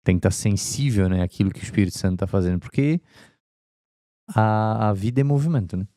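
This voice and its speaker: A male podcast host who talks quickly in a low, dark voice. He backs up his guest with short, affirming remarks. The sound is dry and close. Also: no echo. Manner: affirming, chimes in with agreement. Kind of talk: casual faith conversation.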